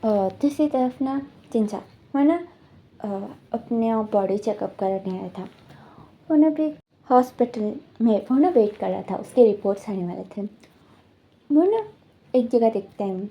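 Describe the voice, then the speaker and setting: A woman's voice: fairly high pitch, lively intonation, measured pace, pauses often. A woman casually retelling a story, rambling along with frequent fillers and restarts. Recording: dull lo-fi recording.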